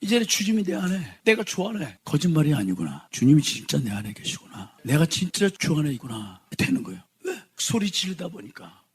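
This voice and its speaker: A male pastor giving a fervent sermon, moving from quiet talk to shouted proclamations. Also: fairly high pitch, big pitch swings, fairly quick, few pauses, slightly rough.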